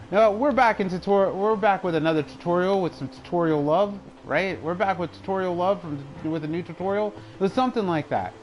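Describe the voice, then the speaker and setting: A man's voice: on the high side, poor audio. A young man streaming a game, chatting in a rambling, casual way and laughing often. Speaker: live streamer. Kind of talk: casual chat while gaming.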